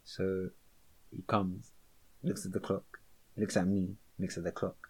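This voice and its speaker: A young man with a London accent chats casually in a low-pitched voice at a measured pace, with a noisy background behind him. He tells stories animatedly, packing his speech with heavy slang.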